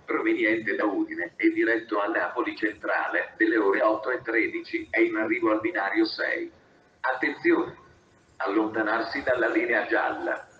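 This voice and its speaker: A man making a flat, formal station announcement in a scripted, segmented delivery. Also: on the low side, normal speed. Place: over a railway station PA. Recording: echoey, dull, noisy station loudspeaker.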